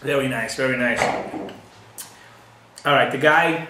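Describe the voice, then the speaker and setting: A man's voice: medium pitch, unhurried, background noise. A man hosting a casual chat, talking in a rambling, easygoing way and laughing easily. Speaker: host. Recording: roomy echo, mic at a distance.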